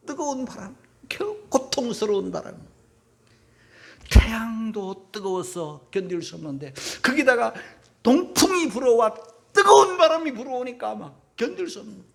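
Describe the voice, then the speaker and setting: A male pastor preaching a sermon, swinging from loud emphatic bursts to hushed whispers and calling his congregation to read along together. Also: very high voice, very animated, moderate pace, gravelly. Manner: leads the congregation in reading aloud together. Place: church sanctuary.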